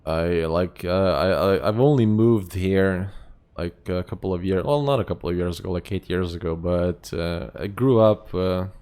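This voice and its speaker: This young man from Lithuania has a low, mellow, clean-toned voice at normal speed and a Lithuanian accent. During a game livestream he rambles casually, leaning heavily on fillers.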